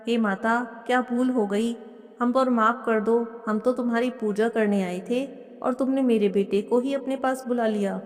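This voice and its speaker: A woman's voice: a little high, steady tone, measured pace, lightly acted. A woman voicing a devout elderly mother-in-law who pleads and urges in a devotional story. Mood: pleading. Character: pious old mother-in-law, pleading and tearful. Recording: long hall reverb.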